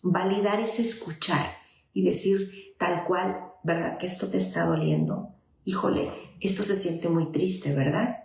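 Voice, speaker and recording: A woman speaks as a child psychologist, explaining things patiently to parents in an informal live talk. She slips into short, gentle dialogues of a parent speaking with a child. Her voice carries a noticeable echo from the room. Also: lowish voice, expressive, measured pace, a little hiss or hum.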